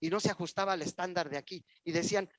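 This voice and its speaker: A man's voice: high voice, racing, a bit bright, dry recording. A man with a Mexican accent, preaching a sermon in church and telling his own story, emphatic and repetitive as he speaks straight to the congregation. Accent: Mexican Spanish. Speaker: pastor. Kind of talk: sermon with personal testimony.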